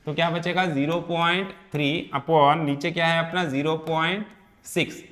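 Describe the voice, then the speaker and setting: Male tutor, bright slightly raised voice, walks through a problem patiently with constant check-ins. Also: on the high side, fairly even intonation, moderate pace. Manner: repeats and checks in with "है ना" and "ठीक है". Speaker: physics teacher. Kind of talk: step-by-step problem solving lesson.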